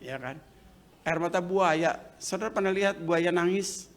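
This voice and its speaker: A male pastor preaching a sermon, moving between loud, emphatic repetition and quiet, low asides. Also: unhurried. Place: church.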